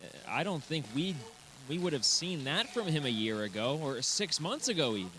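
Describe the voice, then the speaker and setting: A man's voice: fairly high pitch, big pitch swings, normal speed, sharp tone, a little hiss or hum. A man doing bantering live color commentary at wrestling, brash, exclamatory and opinionated.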